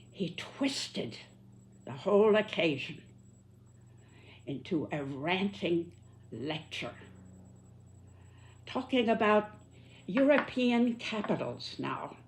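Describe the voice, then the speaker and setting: A woman in her nineties gives a reflective spoken commentary, solemn and deliberate, with emphatic phrasing. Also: mid-range voice, big pitch swings, vocal fry. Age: 90s. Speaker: elderly commentator reflecting on history and politics.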